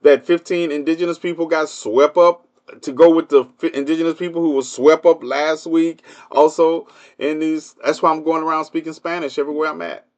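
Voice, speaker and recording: A man's voice: a little high, fairly even intonation, brisk, a little mellow. A man hosting a livestream, talking in a casual political commentary monologue, sarcastic and full of rhetorical questions to his audience. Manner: hums a tune while waiting. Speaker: livestream host.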